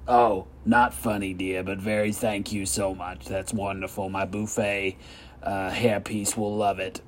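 A man's voice: sits low, flat delivery, unhurried, a little hiss or hum. A man playing a prim older woman who keeps calling the caller "dear". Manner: soft, prim, says "dear".

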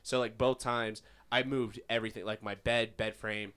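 A man in his twenties co-hosting a casual chat at home, animated and profane, full of "like" fillers, into a big microphone. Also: fairly low pitch, moderate pace, clear, resonant tone. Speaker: podcast co-host. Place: home bedroom. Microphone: large studio-style microphone.

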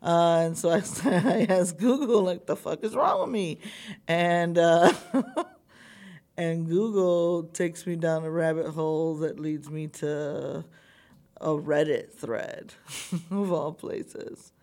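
A woman's voice: fairly even intonation, slow, mellow. A woman telling a candid personal story, talking openly and with plenty of swearing, acting out the things people said. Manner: candid, profane, acts out quotes with big pitch jumps.

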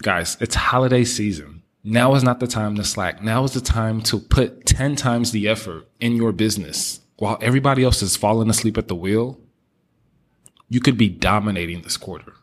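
Upbeat low-voiced male podcast host. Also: moderate pace. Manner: upbeat, motivational, addresses listeners as guys. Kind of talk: casual business podcast talk.

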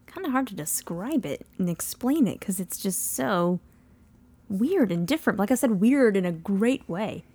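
Mellow, agreeable female radio co-host. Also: medium pitch, animated, moderate pace, slightly rough, no room sound. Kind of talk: casual film discussion.

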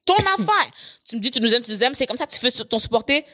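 A woman telling stories in casual chat, animated and laughing often. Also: on the high side, very fast.

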